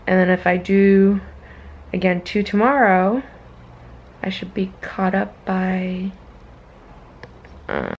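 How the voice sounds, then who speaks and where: A woman's voice: lowish voice, darkish tone, muffled recording, a little hiss or hum. A young woman talking casually to a handheld camera as she vlogs her day, rambling with lots of fillers. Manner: chatty, rambling, many "like" and "um" fillers. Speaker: vlogger. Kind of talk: casual daily vlog narration.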